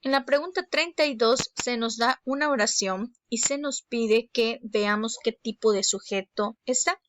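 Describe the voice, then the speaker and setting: A woman's voice: on the high side, a little slow, a bit bright. A woman teacher, going through exam answers and explaining each one, with filler words like "eh" and "este". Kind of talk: exam review lesson.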